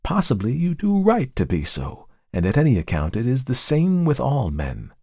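A man doing a calm, knowing visitor judging a sinner. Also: medium pitch, husky, dry recording, studio quality, heavily acted. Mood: probing. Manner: measured, coolly insistent. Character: calm, knowing male visitor who judges a murderer. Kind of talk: dramatic audiobook reading.

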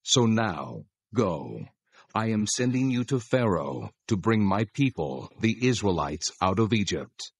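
God, low, husky and commanding. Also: male voice, very animated, a little slow, no room sound, full character voice. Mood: solemn, commanding. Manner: solemn, declarative, commanding. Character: God, commanding, solemn, authoritative male deity. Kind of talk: dramatized scripture reading.

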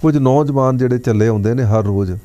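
A man giving a religious talk on TV, telling a parable and chanting scripture lines slowly. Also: mid-range voice, mellow, muffled recording. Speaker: religious speaker. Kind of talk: religious discourse on TV.

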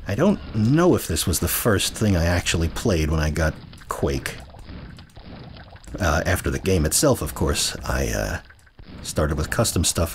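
A low-pitched American man in his thirties from the United States hosts a casual let's-play for his gaming channel. He rambles, corrects himself, and chuckles while he plays, with slight background noise in the recording.

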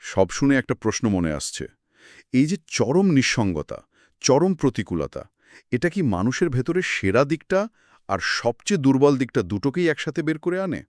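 A man co-hosts a scripted history talk, recorded close and dry with no room sound. His pitch swings widely as he explains events in short, clipped clauses. Now and then he turns a point into a musing question. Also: sing-song, moderate pace, no room sound. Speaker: co-host. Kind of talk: scripted two-host history chat.

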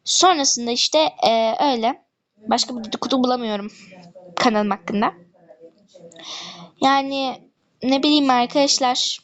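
A gaming YouTuber with a voice well above the usual range chats casually as she plays, gossiping with her viewers and drifting into complaining asides. She talks at a normal speed with frequent pauses and a fairly bright tone.

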